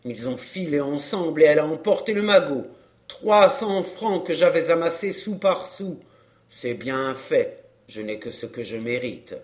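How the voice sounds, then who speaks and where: A man's voice: on the high side, normal speed, a little mellow, natural voice. A man voicing a down-and-out middle-aged fairground clown in an audiobook, talking in coarse, grumbling slang. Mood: lamenting. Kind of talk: audiobook character reading.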